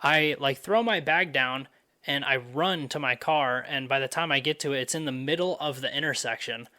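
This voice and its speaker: A man's voice: mid-range voice, moderate pace, sharp tone. A young man hosting a podcast, telling a story in a loose, profane, casual way full of fillers. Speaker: podcast host.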